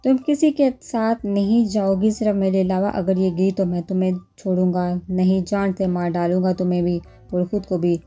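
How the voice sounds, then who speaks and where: A woman's voice: mid-range voice, steady tone, hardly any pauses, dark tone, soft background music, close to an everyday voice. Woman voicing an obsessive possessive young man. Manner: fierce, possessive.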